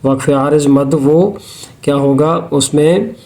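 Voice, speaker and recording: A man teaching tajweed in a methodical, repetitive way, breaking into slow, drawn-out Quran recitation between explanations. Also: fairly high pitch, warm tone. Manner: methodical, repeats rules step by step. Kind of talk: Hindi-Urdu lesson on tajweed, with recitation.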